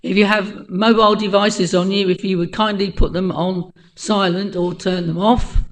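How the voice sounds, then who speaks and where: Croaky-voiced woman chairing a meeting. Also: mid-range voice, fairly even intonation, normal speed, poor audio. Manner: polite, procedural, reads out names and rules. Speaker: planning committee chair. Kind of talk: formal meeting procedure. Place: council chamber.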